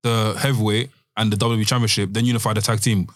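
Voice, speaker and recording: A man's voice: fairly low pitch, level tone, fast, no echo, studio quality. A man with a London roadman accent in casual chat, using slang and insistently repeating himself.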